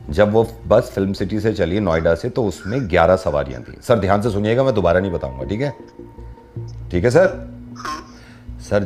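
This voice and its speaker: A male radio host chatting playfully with a caller, telling jokes and riddles in a teasing, animated way. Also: low-pitched. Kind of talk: playful prank call chat.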